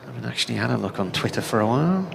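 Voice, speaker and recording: A man co-commentating on cricket with a gravelly voice at an ordinary pitch. He trades dry remarks and tells long anecdotes between balls. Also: sing-song, rapid-fire, slight background noise. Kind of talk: radio cricket commentary with chat.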